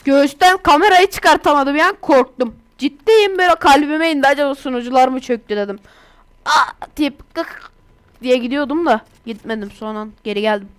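A woman from Turkey giving casual, chatty commentary over her own gameplay, excitable and quick to burst into exasperated outbursts. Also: high voice. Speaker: gaming YouTuber.

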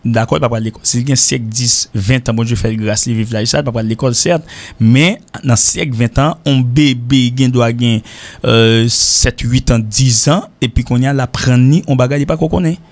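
A man with a Haitian accent giving a radio English lesson, explaining slowly and repeating himself, often checking in with "hein?" and "ok?". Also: medium pitch. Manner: mixes French with Creole. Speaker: English teacher. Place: radio studio.

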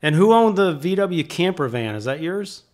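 An American man in his fifties hosts a casual, conversational interview. His voice sits a little high for a man, and he speaks into a close mic at home. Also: big pitch swings, normal speed. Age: 50s. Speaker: interviewer, host. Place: home office indoors. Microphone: close boom microphone.

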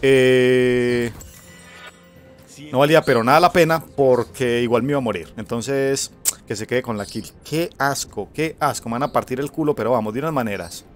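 A man's voice: mid-range voice, moderate pace, soft background music. Casual Colombian man commentating gameplay. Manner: casual, profane, talks to himself and his opponent. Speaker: gamer.

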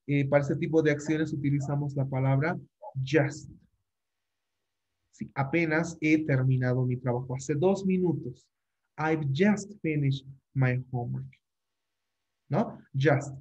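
A man's voice: on the high side, a little mellow. Patient male teacher, muffled call. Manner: patient, repeats phrases and keeps checking with "¿no?". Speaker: English teacher. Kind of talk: online class taught in Spanish.

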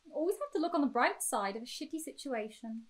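A young woman from Liverpool playing a posh, sharp-tongued sister in a comedy short, over a video call. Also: sits high, expressive, fast. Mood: teasing. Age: young adult. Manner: teasing, assertive. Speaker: sister of the bride. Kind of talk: comedy short film acting.

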